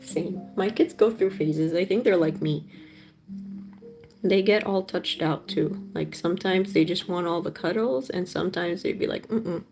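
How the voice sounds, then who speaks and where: A woman's voice: fairly low pitch, a little slow, darkish tone, soft background music. A woman in her thirties, the host of a live painting stream, chatting casually and gushing over her colors. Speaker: art streamer. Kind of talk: casual chat while painting.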